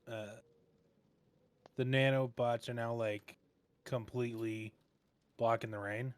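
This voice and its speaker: A man's voice: medium pitch, fairly even intonation, slow, clean tone. A man playing a tabletop game, chatting casually and joking as a player.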